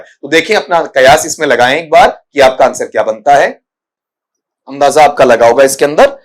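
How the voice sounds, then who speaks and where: A middle-aged man teaching an exam-prep English grammar lesson, patiently explaining, calling his students "beta" and slowly spelling out English words and sounds. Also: fairly high pitch. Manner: mixes English grammar terms into his talk.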